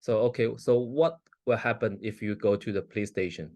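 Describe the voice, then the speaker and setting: A man in a mock hearing, asking formal questions in a measured way. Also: fairly low pitch, a little mellow, no room sound.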